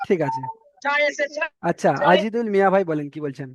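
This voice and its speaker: A man teaching an online reading class, sounding out letters slowly and repeating them for his students. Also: sits high, expressive, slight background noise. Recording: dry, slightly muffled online class audio.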